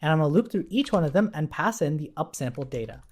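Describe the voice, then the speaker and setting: This male programming instructor talks fast and expressively in a fairly high, slightly mellow voice. In an informal live coding tutorial, he explains each step as he types, regularly checking in with short tag questions.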